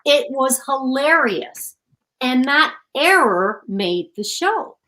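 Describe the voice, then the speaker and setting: A middle-aged woman, an author appearing as a guest in an interview, tells her stories in an earnest, reflective way. Her voice sits high and sing-song, with a slow pace and a sharp tone, and the audio is poor.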